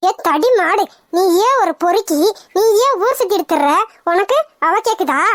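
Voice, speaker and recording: A woman's voice: very high-pitched, lively intonation, moderate pace, no echo, studio quality. A woman voicing young women in a cartoon, emotional and pleading by turns. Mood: scolding. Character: young women, spirited but put-upon. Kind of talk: cartoon voice acting.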